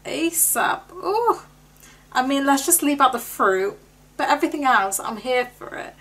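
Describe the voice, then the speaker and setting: A woman's voice: high voice, normal speed, a bit bright, low-quality recording. A young woman, chatting casually and jokingly while she reacts to a film. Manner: chatty, joking, laughs often. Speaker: movie reaction creator. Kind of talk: casual movie reaction commentary.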